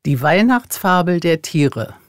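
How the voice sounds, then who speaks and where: A narrator reading a Christmas animal fable aloud, slow and expressive. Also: mid-range voice. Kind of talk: storybook reading.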